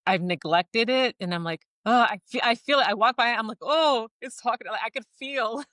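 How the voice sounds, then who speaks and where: A woman co-hosting a casual podcast, telling stories in an animated way, laughing often and acting out lines. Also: on the high side, a little fast, no echo, studio quality. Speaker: podcast co-host.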